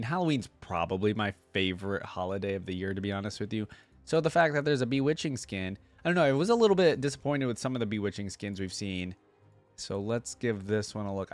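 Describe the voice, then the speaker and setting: A man with a mid-range voice offers casual, informal reaction commentary, thinking aloud and using plenty of filler words. He's a reaction video host, and the sound has no echo.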